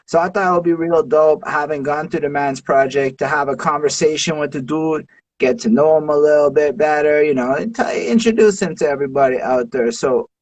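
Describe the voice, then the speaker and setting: A man's voice: fairly high pitch, a little fast, a little mellow, no echo, dull audio. Easygoing male host, far from the mic. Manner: easygoing, slang like "real dope". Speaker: interview host. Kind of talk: livestream interview hosting.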